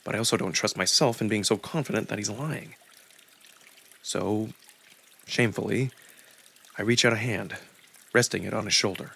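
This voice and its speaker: Narrating a visual novel in the first person, a man reads with expressive deliberation; his voice sits lowish and is husky, with vocal fry.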